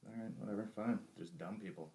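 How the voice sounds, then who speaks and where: A man's voice: fairly low pitch, fast, warm tone. A man co-hosting a podcast in casual chat, joking and laughing easily. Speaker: podcast co-host.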